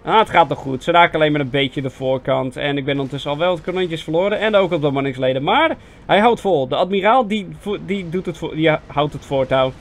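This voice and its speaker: A young Dutch man giving casual, self-mocking commentary on a strategy game, chatty with sudden excited yelps. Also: fairly high pitch, fast. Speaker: gaming video host. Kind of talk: casual let's-play commentary. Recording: faint game music behind voice.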